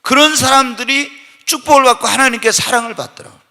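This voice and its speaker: High, gravelly preaching man in a reverberant church. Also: quick pace. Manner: animated, fires rhetorical questions at the congregation; bursts into loud, shouted emphasis. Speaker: pastor. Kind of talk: Korean evening church sermon. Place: church sanctuary during a Wednesday night service. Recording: long church-hall reverb.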